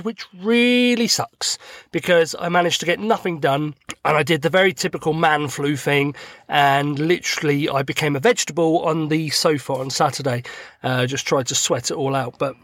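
A middle-aged British podcast host, his voice croaky from a cold, delivers a casual solo monologue from the cab of his truck, parked beside a main road. He's chatty and self-deprecating, joking at his own expense. His voice sits on the high side and is a bit bright, at a moderate pace, with no room sound.

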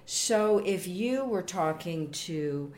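Deep-voiced female host, supportive conversational style, light background hiss. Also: expressive, takes it slowly. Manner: warm, affirming, lots of backchannel. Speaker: podcast host. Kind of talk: casual interview talk.

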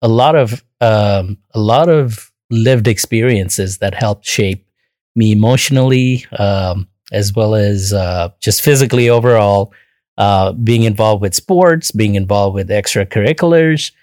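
A man from Bangladesh answering interview questions in a measured, earnest way with frequent pauses and fillers. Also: fairly low pitch, darkish tone, no echo, studio quality. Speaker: interview guest.

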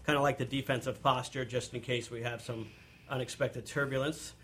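A man co-hosting a radio investment show, giving brief, matter-of-fact answers in a soft-spoken way. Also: mid-range voice, steady tone, brisk, slight background noise. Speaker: portfolio manager, co-host.

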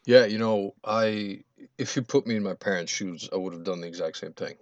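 A man in his twenties talking in a measured, analytical way, often checking in with "right?". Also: on the low side, no room sound, lo-fi sound. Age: 20s. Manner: measured, analytical, says "right?" and "you know". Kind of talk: casual chat.

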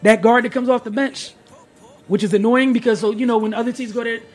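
A man co-hosting a casual sports podcast, emphatic and slangy, building up to loud points. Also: extremely high pitch, steady tone, a little fast, soft background music. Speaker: podcast co-host.

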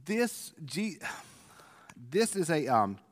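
A male preacher giving an informal, conversational devotional on scripture in a halting way, his voice echoing through a church sanctuary like a cathedral. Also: a little high, sing-song. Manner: conversational, halting with repeated words. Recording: echoey church sanctuary, long reverb.

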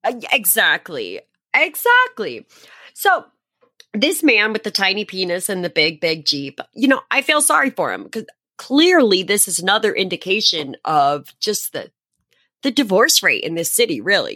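A woman's voice: mid-range voice, pushed and bright, no echo, clean studio sound. A young woman hosting a podcast, telling a story in casual chat with sarcastic, profane humor.

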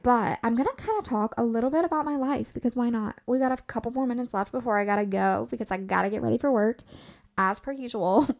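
A woman's voice: on the high side, fast talker. A woman in her twenties hosting her own podcast, talking casually from her bed in a chatty, rambling way with lots of "like". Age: 20s. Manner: rambling, chatty, says "like" a lot. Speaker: podcast host. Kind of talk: casual solo podcast rant.

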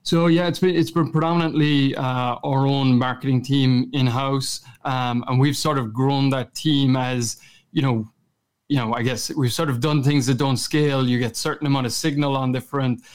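A man's voice: mid-range voice, fairly even intonation, normal speed, smooth. A man with a west of Ireland Kerry accent, answering interview questions in an informal, conversational way. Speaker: podcast guest, chief marketing officer.

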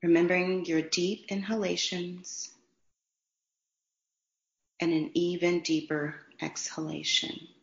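A woman guiding a meditation in a slow, soothing, unhurried way with long pauses. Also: on the low side, little pitch movement, vocal fry. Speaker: meditation guide. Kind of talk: guided meditation. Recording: roomy, dull lo-fi sound.

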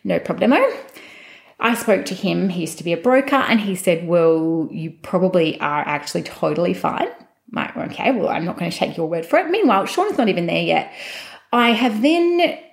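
A woman casually telling a personal story, chatty and animated, acting out the dialogue she quotes. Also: fairly low pitch, moderate pace, gravelly.

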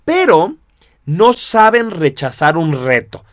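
A man giving a lively, conversational talk to an audience, full of rhetorical asides. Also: fairly high pitch, slow pace, no echo, clean studio sound. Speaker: teacher.

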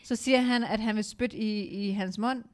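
A woman's voice: fairly high pitch, steady tone. A young woman hosting a casual podcast chat with her mother, asking questions and laughing easily. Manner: laughing, asks questions, mixes languages. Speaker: podcast host.

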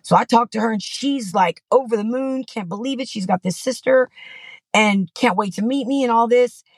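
This middle-aged woman from Texas is a podcast guest telling a personal story in conversation, candid and rambling, with frequent "you know"s and restarts. Her voice is fairly high and husky at a normal speed, captured in a dry, close recording.

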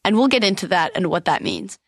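A woman's voice: mid-range voice, expressive, fast, slightly rough, dry recording, clean studio sound. A woman hosting a podcast, introducing her guest and asking questions in a friendly way. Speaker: podcast host. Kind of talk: podcast interview.

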